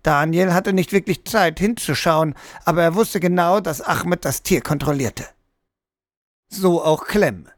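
A man's voice: fairly high pitch, unhurried, no room sound. Man narrating a story, dry and close. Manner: steady storytelling, lifts his voice for the characters' quoted lines. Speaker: audiobook narrator. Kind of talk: scripted narration.

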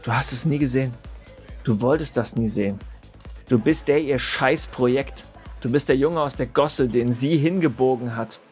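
A man's voice: mid-range voice, normal speed, faint music behind, natural voice. An actor playing a crude, bitter young man from the streets who taunts and swears at his old friend.

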